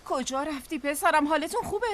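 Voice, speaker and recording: A woman's voice: high-pitched, animated, fairly bright tone. An actress dubbing a worried mother asking after her son. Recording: dubbed film with music behind.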